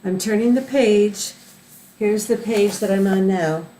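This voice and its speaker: Slow-reading sweet old lady in a roomy space. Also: mid-range voice, warm tone. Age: older. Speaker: grandmother reading a picture book to a child. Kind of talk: read-aloud storytelling with asides to a child. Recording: roomy echo, faint background noise.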